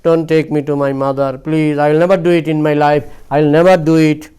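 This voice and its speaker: A man voicing a small, mischievous boy who pleads softly. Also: a little high, little pitch movement, a little fast, clear, resonant tone, lightly acted. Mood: pleading.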